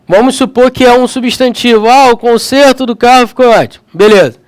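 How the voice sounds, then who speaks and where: A man's voice: very high voice, brisk, dry recording. A man with a Rio de Janeiro accent teaching a grammar lesson, chatty and checking in with his students often. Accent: Rio de Janeiro Portuguese. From Rio de Janeiro, Brazil. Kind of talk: lively classroom lesson.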